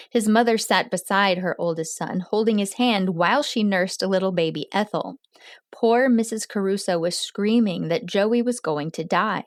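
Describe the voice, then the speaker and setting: A woman hosting a podcast, reading a true crime story in a measured, steady way. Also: mid-range voice, no echo, studio quality. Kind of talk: scripted true crime narration.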